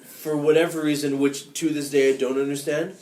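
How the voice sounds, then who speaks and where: A man's voice: a little high, flat delivery, a little fast, a little mellow. Eager male fan explaining, echoey room. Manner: eager, explains background at length. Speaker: podcast co-host. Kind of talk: casual film discussion.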